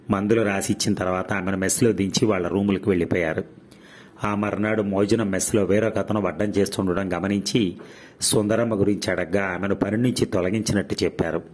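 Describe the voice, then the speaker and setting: A man narrating a story aloud in a steady, even reading voice. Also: lowish voice. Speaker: story reader.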